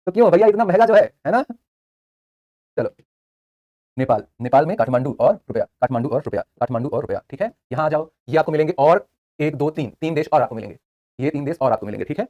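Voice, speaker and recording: A man's voice: fairly high pitch, animated, fast talker, warm tone, muffled recording. A young man teaching a live online class, chatty, joking between facts and repeating answers for students.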